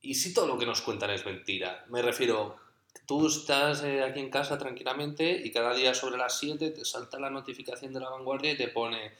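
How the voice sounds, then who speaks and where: A man's voice: mid-range voice, fairly quick, fairly bright tone, echoey room. A man from Catalonia co-hosting a podcast, chatting casually in a blunt, opinionated way and swearing freely. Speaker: podcast co-host. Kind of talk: casual chat.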